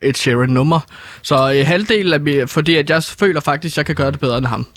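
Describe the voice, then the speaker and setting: A man's voice: a little high, a bit bright, no room sound, studio quality. A young man improvising a comedy bit as a bumbling musician, rambling and hesitant with many restarts. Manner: rambling, hesitant, full of restarts, bursts into singing. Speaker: comedy co-host playing a musician.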